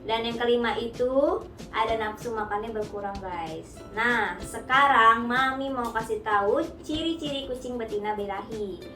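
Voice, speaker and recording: A young woman with a fairly high voice chats casually at a moderate pace to viewers in a home studio vlog, sharing tips about caring for her cat. She mixes in English words and often calls the audience "guys." The echoey room sounds distant, with music playing behind.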